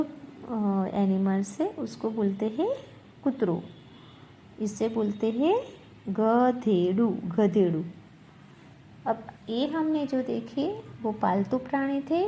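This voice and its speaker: A woman's voice: on the high side, gravelly, mellow, a little hiss or hum. A woman teacher leading a revision lesson, spelling words letter by letter, repeating them and answering her own questions. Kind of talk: slow classroom revision lesson.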